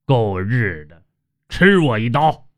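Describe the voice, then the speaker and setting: A man voicing a brash, hot-tempered male tomb robber who talks in gruff, sneering outbursts, in an audiobook with dull lo-fi sound. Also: medium pitch, big pitch swings, a little slow, dark tone, no echo. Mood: fierce.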